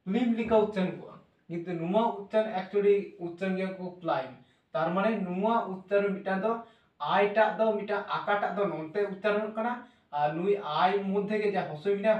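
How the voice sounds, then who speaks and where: A man teaching English pronunciation, slowly spelling out sounds letter by letter in a classroom-style lesson. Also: sits high. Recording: echoey room, voice from a distance.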